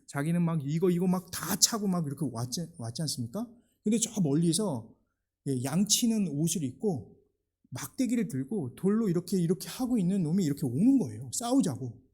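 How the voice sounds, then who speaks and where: A man preaches a sermon in a church. His voice sits a bit high but has a mellow, dark tone, and he tells stories in an easy conversational way before pressing points home with emphatic preaching. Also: very animated, brisk, husky. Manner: conversational storytelling, builds to raised emphatic preaching. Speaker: pastor. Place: church sanctuary.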